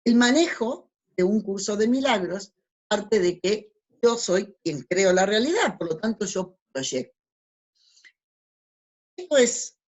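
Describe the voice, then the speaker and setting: A woman with a lowish, darkish voice delivers a slide lecture as a spiritual teacher. Her teaching is didactic; she poses rhetorical questions, answers them herself, and frequently adds tag questions.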